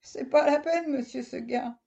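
A polite young nanny goat from a storybook, pleading softly but never giving in, as a woman reads her. Her voice sits high and moves slowly. The recording sounds dull and lo-fi. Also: creaky.

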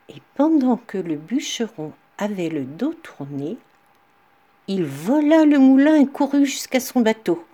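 A woman reading a fairy tale aloud in a slow, expressive storytelling manner. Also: medium pitch.

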